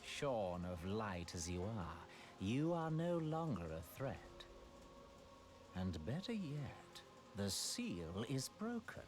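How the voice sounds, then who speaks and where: Arrogant game sorcerer villain: unhurried, grandiose, theatrically menacing delivery, pompous wording, clear noise behind. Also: male voice, on the low side, sing-song. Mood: gloating. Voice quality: pompous, archaic diction. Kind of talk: scripted video game voice acting.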